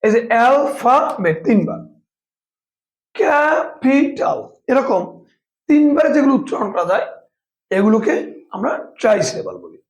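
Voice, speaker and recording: A woman teaching an English grammar lesson, sounding out words slowly syllable by syllable and asking and answering her own questions. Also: a little high, big pitch swings, a little mellow. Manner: slow, syllable-by-syllable demonstration of words; repeats and rephrases each point, asks questions and answers them. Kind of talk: classroom-style grammar lesson. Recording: roomy, echoey room sound.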